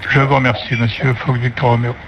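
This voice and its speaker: A man's voice: medium pitch, little pitch movement, a little fast, lo-fi sound. A man piloting an aircraft, giving brief procedural readbacks over the radio. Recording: noisy cockpit radio transmission.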